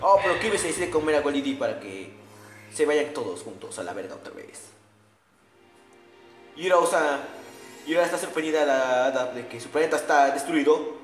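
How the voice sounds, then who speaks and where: A man's voice: a little high, animated, a little fast, long pauses. Slangy young man, echoey room. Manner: crude, slangy, mocking. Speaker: parody narrator. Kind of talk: casual comic game narration. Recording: echoey room with long reverb, faint music. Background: faint music.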